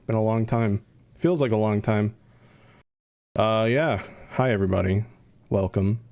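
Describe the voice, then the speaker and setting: Laid-back low-voiced man on a headset mic. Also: darkish tone. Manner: laid-back, repeats his greetings, addresses the chat directly. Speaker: livestream host and project director. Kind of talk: casual livestream chat.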